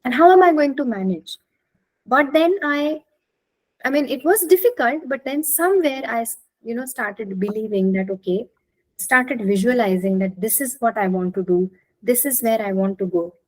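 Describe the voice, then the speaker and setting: This Marathi-speaking woman from Maharashtra, India, is a clinical psychologist running an interactive online talk over video call, warmly encouraging listeners and inviting their responses. Her voice is a little high and slightly mellow, at a moderate pace, and the audio is poor.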